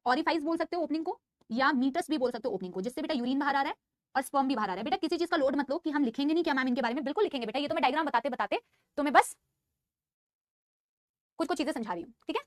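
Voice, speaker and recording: A woman's voice: high-pitched, very fast, no echo, studio quality. A woman teaching biology in a live online class, mixing Hindi with English and calling her students "beta". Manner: scolding yet insisting she is calm.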